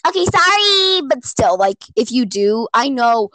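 Brief: teen girl podcast co-host, high voice, dry close sound, rants excitably. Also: measured pace, no echo. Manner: excitable, rants in bursts with lots of "like". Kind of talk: casual chat.

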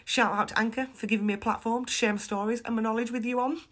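A woman's voice: a little high, fairly even intonation, quick pace, fairly bright tone. A woman with a chest infection, hosting a casual solo podcast in a chatty, frank, self-deprecating way. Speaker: podcast host.

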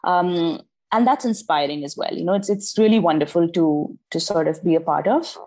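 Enthusiastic young woman, lowish voice. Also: normal speed. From Dubai. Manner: warm, enthusiastic, many ums and restarts. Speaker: artist guest. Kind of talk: casual interview chat.

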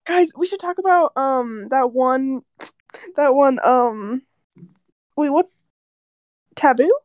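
A woman's voice: high voice, slow, darkish tone, no echo. A teenage girl co-hosting a casual podcast, telling stories and mimicking others. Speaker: podcast co-host. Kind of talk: casual chat.

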